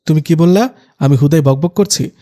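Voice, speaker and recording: A man's voice: on the high side, close to an everyday voice. A man voicing a talkative teenage younger sister who gushes, teases and takes offence easily in a spoken storybook. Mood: indignant. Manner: excited, gushing, quick to take offence.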